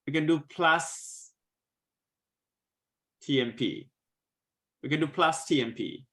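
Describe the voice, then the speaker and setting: A man teaching a live coding class, patiently walking students through code step by step, a bit hoarse as he loses his voice. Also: fairly high pitch, slow, fairly bright tone. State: losing his voice, coughing. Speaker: coding instructor.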